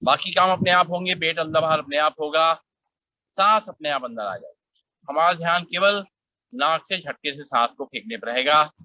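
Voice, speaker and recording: A middle-aged man leading a guided yoga class outdoors, calmly instructing and counting breaths aloud in a steady rhythm. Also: fairly high pitch, moderate pace, no echo, low-quality recording.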